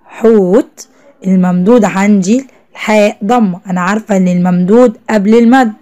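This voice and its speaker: Teaching Arabic to a first-grade class, a young woman with an Egyptian Arabic accent spells every word slowly and draws it out. Her voice is mid-range with a dark tone, and she keeps encouraging the kids with praise.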